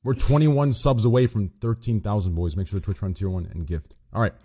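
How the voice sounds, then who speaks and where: A man's voice: fairly low pitch, fairly quick, dark tone. A young man livestreaming, chatting casually like a hyped gamer bro, with lots of slang and swearing. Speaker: live streamer.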